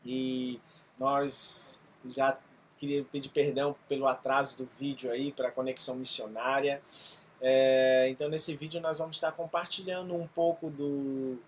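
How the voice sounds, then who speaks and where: A man's voice: mid-range voice, flat delivery. Earnest pastor in his thirties. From Brazil. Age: 30s. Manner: earnest, halting with frequent fillers. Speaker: missionary pastor. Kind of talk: testimony video.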